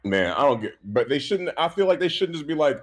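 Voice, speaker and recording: A husky-voiced man holds forth on a podcast, complaining at length with animated, profane energy. He keeps stumbling and restarting mid-thought as he talks over his friends in loose, casual chat. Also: on the high side, brisk. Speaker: podcast co-host.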